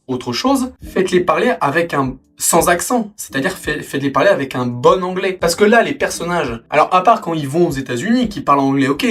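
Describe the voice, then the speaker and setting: Halting, ranting French film critic man. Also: sits high, a bit bright. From France. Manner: filler-heavy and halting, turning into an indignant rant. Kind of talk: casual film review.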